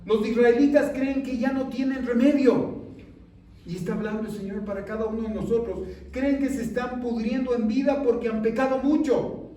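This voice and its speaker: High-voiced pastor preaching fervently. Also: male voice, steady tone, moderate pace, warm tone. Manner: preaches with fervor, often asks the congregation questions. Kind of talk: sermon. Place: large church sanctuary. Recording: echoey church hall from a far mic, congregation audible. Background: congregation responding.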